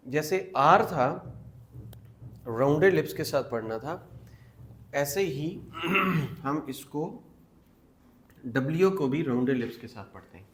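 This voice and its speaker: Slow, patient male teacher. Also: fairly high pitch. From Pakistan. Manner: explains step by step, repeats words slowly and asks rhetorical questions; clears his throat often. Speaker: English pronunciation teacher. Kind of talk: classroom lesson explaining pronunciation.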